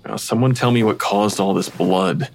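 An actor playing an exasperated pathologist who talks to ghosts, with a dry manner. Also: male voice, fairly low pitch, moderate pace, gravelly. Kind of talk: audio drama acting.

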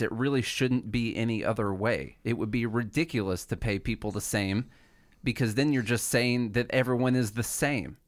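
A man at a mid-pitched, ordinary register talks through a point in casual podcast conversation, laying out figures one at a time. He sounds measured and explanatory. The recording is dry and close, with no room sound around him. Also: no echo. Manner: measured, explanatory, walks through statistics step by step.

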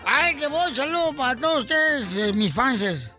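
High-voiced boisterous radio host. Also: male voice, very animated, over music. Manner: boisterous, rapid-fire joke telling. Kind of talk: radio comedy banter, telling jokes.

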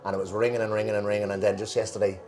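A man's voice: on the low side, little pitch movement, very fast, music in the background. An Irish man co-hosting a football show in casual chat, colloquial and wry. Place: pub in Liverpool. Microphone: worn mic.

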